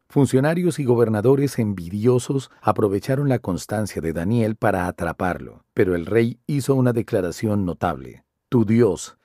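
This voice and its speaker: A man hosting a devotional, speaking in a calm, earnest preaching tone in scripted narration. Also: on the low side, no room sound, clean studio sound. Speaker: devotional host. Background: soft guitar music.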